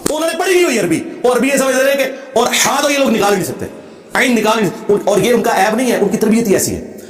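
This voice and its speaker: Male religious lecturer, combative and emphatic, fast delivery, roomy echo. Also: extremely high pitch. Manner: emphatic and combative, demonstrates Arabic recitation. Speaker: religious speaker. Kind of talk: lecture answering a question.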